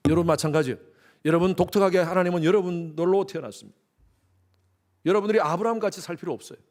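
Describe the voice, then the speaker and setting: Korean pastor with a Gyeongsang accent. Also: male voice, fairly high pitch. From Gyeongsang, South Korea. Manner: emphatic, rises to loud exhortation. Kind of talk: sermon.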